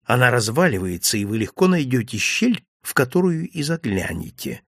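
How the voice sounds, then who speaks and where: A man voicing a calm, didactic Italian male detective in an audiobook reading, speaking in a lecturing, commanding manner. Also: mid-range voice, moderate pace, no room sound, clean studio sound. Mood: instructive.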